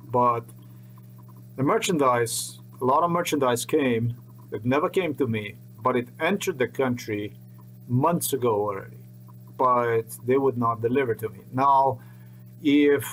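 A middle-aged vlogger sits in a small room talking to the webcam on his desk in an unscripted monologue, rambling earnestly and repeating himself. His voice is mid-range, and the low-quality recording carries a little hiss or hum.

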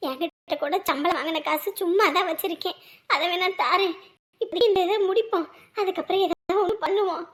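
A comforting village woman, played by an actress in a rural drama, speaking in a very high voice. She laments the trouble, then reassures and scolds in a firm, caring manner. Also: a little fast. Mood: lamenting. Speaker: neighbor older-sister figure. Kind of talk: rural Tamil drama acting.

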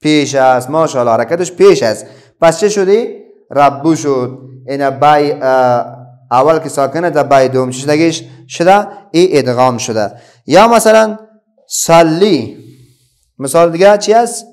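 Teacher, male, Afghan Dari accent, a bit high-pitched, patient question-and-answer classroom delivery with pauses. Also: animated, a little mellow. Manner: asks the pupils questions and answers them himself, with many pauses and fillers. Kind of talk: classroom Quran reading lesson for children.

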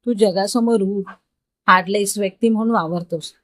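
A woman's voice: medium pitch, fairly even intonation, moderate pace, fairly bright tone, no echo, lightly acted. A woman storyteller voicing a friendly, teasing young male coworker in a dry, close recording. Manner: easygoing, teasing.

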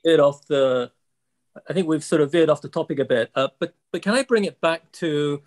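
A man in his sixties speaking as a panelist on a video call, measured and polite, with many fillers. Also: on the high side, a little mellow. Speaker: panelist, central bank economist. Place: office with logo backdrop.

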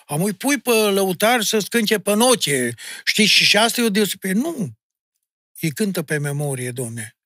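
A middle-aged man with a Maramureș Romanian accent, chatting as a podcast guest in a blunt, animated, storytelling way. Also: sits high, no echo, clean studio sound. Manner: animated storyteller, addressing the host bluntly with "mă" and "domne"; insistent, emphatic. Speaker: guest, folk singer and music teacher. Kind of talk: casual podcast conversation.

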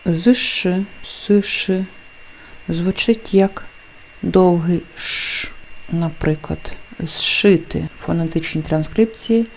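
Woman teacher, slow and deliberate, careful enunciation of examples. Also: lowish voice, slight background noise. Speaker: language teacher. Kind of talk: explaining phonetics lesson.

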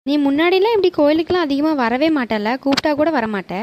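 A woman's voice: sits high, lively intonation, fast talker, highs cut off, a little hiss or hum. A woman voicing a nosy, teasing young female friend. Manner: teasing, probing.

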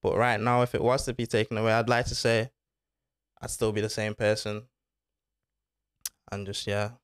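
A young man, a footballer guesting on a podcast, chats in a relaxed, slang-filled way, saying "bro" and "innit." His voice is lowish and level, clear and resonant at a moderate pace, picked up cleanly by a desk mic on an arm in a small foam-paneled studio without room sound.

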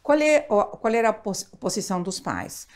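In a small studio, seated on a sofa and wearing a lapel mic, an older woman from Argentina gives a casual, animated interview as a child education expert. Her voice is a little high and her pace moderate, and she gestures a great deal and uses tag questions.

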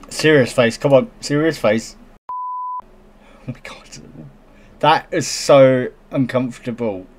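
A man's voice: mid-range voice, takes it slowly, pauses often, slight background noise. A man commenting casually on a news story, joking sarcastically and often stumbling over words as he reads aloud. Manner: giggly, sarcastic, stumbles while reading aloud.

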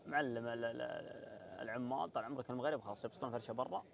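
A young man speaks in a Bedouin Saudi Arabic accent at a quick clip. His delivery is casual and conversational, like someone telling stories to friends, with polite address phrases sprinkled through. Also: medium pitch, vocal fry, a little hiss or hum. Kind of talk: casual chat and storytelling. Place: walled set with artificial grass, seated group.

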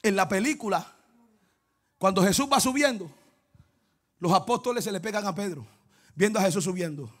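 A male pastor preaching a sermon, moving between quiet storytelling and shouted, chanting praise aimed at the congregation. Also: high-pitched, moderate pace, pauses often. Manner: calls out to the congregation and cries out "woo".

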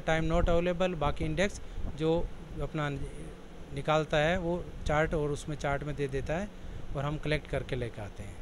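A man with a slightly high voice walks through a computer program option by option, in a plain, explanatory way. A faint hum of background noise sits under his voice. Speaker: software tutorial presenter. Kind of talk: step-by-step screen walkthrough.

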